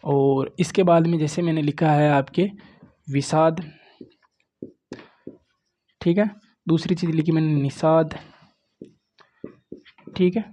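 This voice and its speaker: Teaching grammar at a board, a man from Rajasthan speaks slowly with long pauses and fairly even intonation, his voice on the high side and dark in tone. He repeats "देखो" (look) and "ठीक है" (okay) in a coaxing, plain way.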